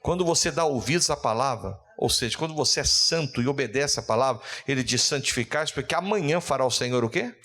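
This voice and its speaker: A man pastor, preaching a fervent sermon that rises into loud calls and readings from scripture. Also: mid-range voice, expressive, fast, hardly any pauses.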